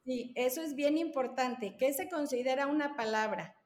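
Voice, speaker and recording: Brief: woman, language therapist, high voice, patient explainer, roomy echo. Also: normal speed. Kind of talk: explanatory podcast conversation.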